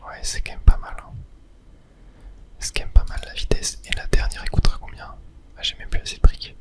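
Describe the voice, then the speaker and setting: Whispering entirely on breath with no voiced tone, an ASMR gaming host plays at a brisk clip and casually thinks aloud, explaining each step to viewers.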